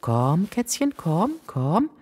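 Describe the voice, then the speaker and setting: Brief: eager coaxing young girl, male reader, very high pitch, kids' audiobook. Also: animated, unhurried. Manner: gushing, coaxing. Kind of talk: storybook character voice.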